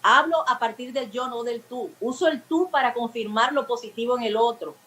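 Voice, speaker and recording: A woman's voice: fairly high pitch, moderate pace, pushed and bright, slight background noise, poor audio. A woman giving talk-show advice on communication in a teaching manner, acting out everyday examples. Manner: didactic, explains with acted everyday examples. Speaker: guest expert on emotional communication.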